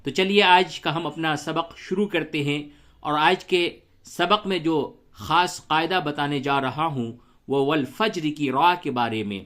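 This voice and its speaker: Patient Quran teacher spelling out letters. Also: male voice, a little high, a bit bright. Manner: explains rules patiently, spells out letters and recites slowly. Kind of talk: tajweed lesson with slow recitation.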